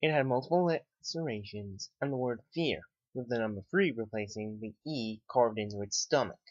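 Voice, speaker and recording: A man voicing a male TV news anchor who gives a measured broadcast report. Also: medium pitch, no echo, lightly acted. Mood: formal. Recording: dry, slightly dull lo-fi.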